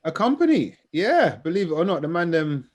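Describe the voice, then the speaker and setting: London roadman podcast host, higher-pitched man. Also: big pitch swings, a little fast. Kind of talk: casual podcast banter.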